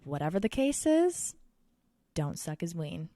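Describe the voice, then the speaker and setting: A woman's voice: fairly low pitch, big pitch swings, a little slow, mellow, dry recording, clean studio sound. A young woman in her twenties hosting a casual solo podcast, talking candidly and crudely with lots of swearing and laughter. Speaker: podcast host.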